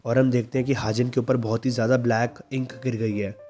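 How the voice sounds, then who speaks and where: A man's voice: mid-range voice, level tone, fast talker, mellow, faint music behind. A man narrating a manga recap as a story, reading out the characters' lines in lightly acted voices.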